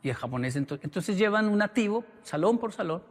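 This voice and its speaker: A man giving a storytelling sermon, animated and acting out the voices of the people in his story. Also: sits high, fairly quick, big-room sound. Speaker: motivational speaker.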